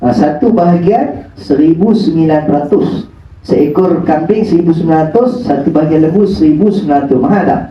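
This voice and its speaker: A man's voice: on the high side, fairly quick, slight background noise. A man giving a joking religious lecture with teasing rhetorical questions in a mosque prayer hall, recorded on a phone from a distance. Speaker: religious preacher. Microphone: phone camera at a distance. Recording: echoey hall from far off, dull phone audio.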